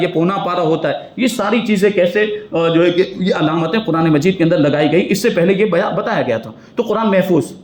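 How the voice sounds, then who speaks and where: An earnest male mufti teaches Quran commentary in a mosque, pressing his listeners with question after question. His voice sits high. The hall gives it a roomy echo.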